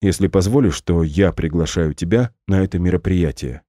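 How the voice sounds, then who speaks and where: Man reading a level-headed schoolboy peacemaker, low and even. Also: normal speed, no echo, studio quality. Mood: calm. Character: calm composed teenage boy twin.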